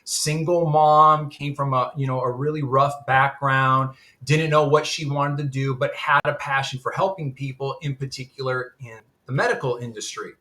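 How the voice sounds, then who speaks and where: Bright, earnest storytelling man. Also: mid-range voice, fairly even intonation, moderate pace, few pauses. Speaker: guest, admissions executive. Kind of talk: casual webinar interview.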